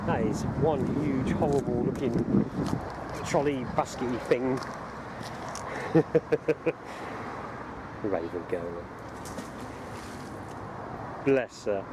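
Slow-talking man outdoors, loud traffic behind. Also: medium pitch. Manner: chatty, laughs often, bursts into excitement. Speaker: vlogger and magnet fisher. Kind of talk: casual outdoor commentary. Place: outdoors on a canal towpath. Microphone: camera set on the ground or held at arm's length. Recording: noisy outdoor recording with traffic.

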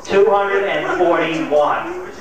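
A man's voice: a little high, extremely slow. A man calling bids as an auctioneer, counting up prices steadily and dropping the odd light aside. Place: large hotel function room with seated crowd. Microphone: handheld mic, heard from far back in the room. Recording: echoey hall, distant camcorder mic, crowd murmur.

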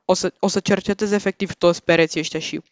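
A young Romanian man giving excitable, slangy commentary while playing Minecraft, panicking and repeating no over and over. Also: high voice, no echo. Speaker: Minecraft gaming YouTuber. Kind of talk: casual gameplay commentary. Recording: dull lo-fi home mic.

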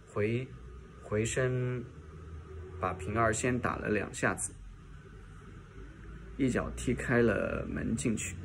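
A man with a gravelly voice reading a classic novel aloud as narrator, steady, with occasional restarts. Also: on the low side, background noise.

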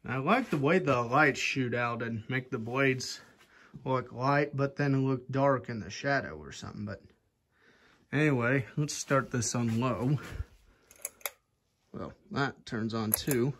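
Filming on a handheld phone aimed up at a fan, this young collector vlogs offhandedly in a rafter-roofed attic or shed, saying "anyway" again and again. He speaks slowly in a mid-range, fairly bright voice, with slight background noise.

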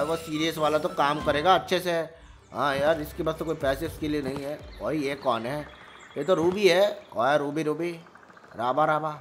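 Excitable man doing gameplay commentary. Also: on the high side. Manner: excitable, exclaiming and joking. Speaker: gamer.

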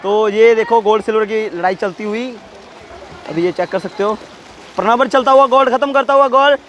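High-voiced man commentating poolside. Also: normal speed, a little hiss or hum. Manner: chatty, calls out encouragement to swimmers. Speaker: vlogger filming a school swimming meet. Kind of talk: casual commentary to camera. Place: outdoor swimming pool at a school competition.

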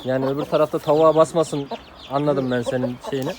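A man's voice: mid-range voice, fairly even intonation, fast, crowd noise. A man hosting a casual outdoor chat, asking a poultry keeper questions and talking straight to his viewers. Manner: asks many questions, addresses viewers directly. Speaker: channel host interviewing a poultry keeper. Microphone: handheld phone camera. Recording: clear outdoor noise with chickens.

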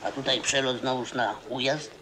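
An actor playing a fiery miner and insurgent in a 1960s film. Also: male voice, mid-range voice, moderate pace, lightly acted. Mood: explaining. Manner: lively, emphatic, gets loud when provoked. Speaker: Silesian miner planning an uprising. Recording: noisy old film soundtrack.

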